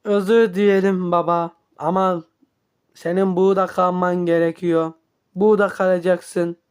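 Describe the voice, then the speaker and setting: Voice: mid-range voice, little pitch movement, moderate pace, a little mellow, clean tone, natural voice. A performer voicing an earnest, pleading AI robot son in an amateur cartoon fan dub.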